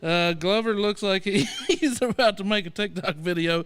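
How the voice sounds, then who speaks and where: A man's voice: sits high, moderate pace, fairly bright tone, clean tone. A man co-hosting a live radio podcast, joking, swearing freely and laughing often. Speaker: podcast co-host. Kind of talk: casual live radio banter.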